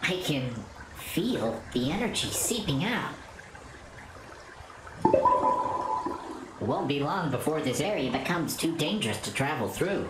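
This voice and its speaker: A woman voicing a calm, wise computer AI guide, reading its lines low and measured. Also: very noisy, exaggerated voice. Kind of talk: reading game dialogue aloud. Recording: echoey room, loud game music.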